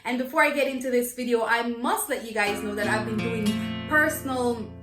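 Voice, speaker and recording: A woman with a Jamaican accent giving an informal lesson to camera, slipping between Jamaican Patois and English in an expressive, conversational way and repeating phrases for learners. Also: a little high, fairly quick, over music. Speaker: Jamaican Patois teacher, video host. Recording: echoey, roomy sound.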